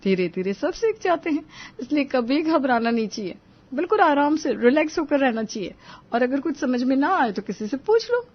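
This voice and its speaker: Woman doing a sweet neighbor auntie in a cartoon, gentle, reassuring, high-ish voice, muffled audio. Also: very animated, moderate pace. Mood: kindly. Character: kindly middle-aged female neighbor, motherly.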